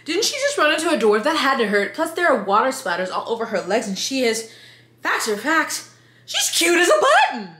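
A woman's voice: high-pitched, huge pitch swings, brisk, sharp tone, roomy sound, exaggerated voice. A woman voicing a smitten male investigator from a romance novel in a mock-dramatic reading.

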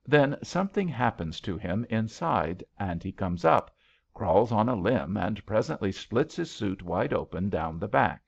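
In the manner of an audiobook narrator, a man with a low, gravelly, creaky voice reads a romantic story aloud. He takes his time but performs it with great animation, in a measured, dramatic storytelling style. The recording sounds slightly dull.

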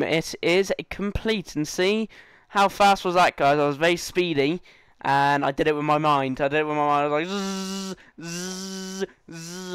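A man hosting a casual gaming let's-play, chatting excitedly and playfully to the other players as he goes. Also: on the high side, clean tone, dry recording, clean studio sound. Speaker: gaming channel host.

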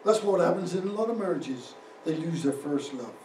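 A middle-aged male pastor preaches with a high, mellow voice, building emphasis as he speaks. He stands some way from the microphone, and the room lends a noticeable echo. A faint hiss sits underneath. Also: animated, normal speed, distant mic. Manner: preaching with rising emphasis, ad-libbing. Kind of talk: sermon. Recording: roomy echo, speaker away from the mic.

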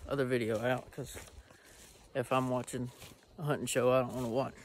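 A hunting vlogger speaks briskly to his own camera outdoors on rural land, explaining things in a rambling, filler-heavy way with frequent restarts. His medium-pitched voice has little pitch movement, and the audio has a little hiss or hum.

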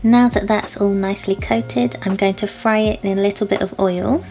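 A young woman from the United Kingdom talking casually through a cooking vlog in her home kitchen, relaxed and chatty, with filler words as she goes. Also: medium pitch, moderate pace, loud music behind the voice. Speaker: vlogger. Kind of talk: casual cook-along vlog.

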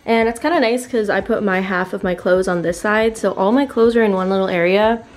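A woman's voice: medium pitch, brisk. A woman vlogging casually at home, chatty and full of "like" fillers. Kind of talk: casual vlog narration. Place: at home indoors.

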